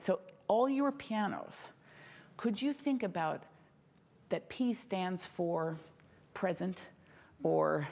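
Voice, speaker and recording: A middle-aged woman coaching a young violinist in a masterclass, lively and demonstrative, often laughing and singing rhythms. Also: lowish voice, gravelly. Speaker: violin teacher giving a masterclass. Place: concert hall stage at a music competition. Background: violin and piano playing faintly.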